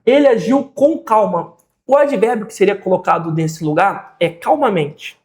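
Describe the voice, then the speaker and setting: Speaking with a Brazilian Portuguese accent, a teacher gives a grammar lesson, patiently repeating examples and frequently checking in with the listener. The voice is medium in pitch and a little mellow, with lively intonation and a normal speed.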